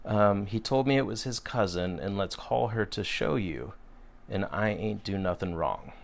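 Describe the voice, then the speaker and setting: Gravelly-voiced man in his thirties. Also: fairly low pitch, a little slow. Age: 30s. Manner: rambling, frank, with frequent fillers and restarts. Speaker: host answering viewer questions. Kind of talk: casual live Q&A.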